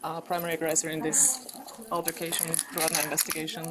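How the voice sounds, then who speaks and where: A woman police officer asking brisk procedural questions. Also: low voice, completely flat delivery. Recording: noisy bodycam footage.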